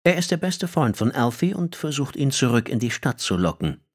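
A man reading an audiobook in measured, expressive scripted narration. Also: mid-range voice, breathy edge.

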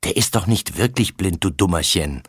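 A man voicing a calm, sensible girl and older sister in a children's audiobook, gently matter-of-fact. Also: low-pitched, normal speed, husky, no room sound, clean studio sound. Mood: plain.

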